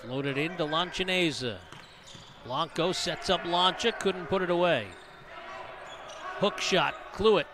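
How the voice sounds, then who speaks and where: Brief: high-pitched male play-by-play caller, brisk, noisy arena feed with gym sounds behind. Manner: brisk, rises to shouts on big plays. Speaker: play-by-play commentator. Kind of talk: live volleyball commentary. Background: gym ambience and ball bounces.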